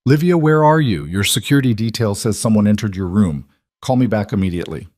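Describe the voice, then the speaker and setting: A man's voice: on the low side, expressive, a little fast, a little mellow, no room sound, studio quality. A man voicing a tense, commanding male crime boss with curt delivery, in an audiobook character reading. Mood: urgent worried.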